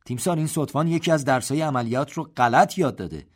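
A man's voice: medium pitch, lively intonation, lightly acted. A man voicing a stiff, formal army major who speaks up with a complaint.

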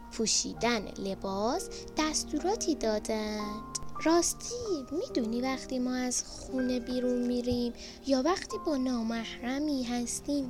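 A woman voicing a gentle, patient mother who calmly explains and praises her daughter. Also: fairly high pitch, lightly acted. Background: background music.

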